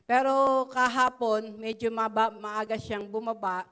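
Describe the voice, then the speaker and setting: A woman's voice: fairly high pitch, level tone, measured pace, fairly bright tone, clear, resonant tone. A middle-aged Filipino woman giving a chatty spoken testimony in church, full of fillers and "no?" tags. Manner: conversational, frequent "no?" tags and fillers.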